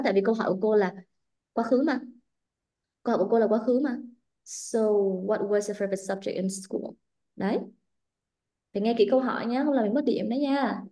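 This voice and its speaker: Animated Vietnamese woman teaching English. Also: a little high. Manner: switches between model English answers and brisk explanations, animated. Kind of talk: live online IELTS speaking class.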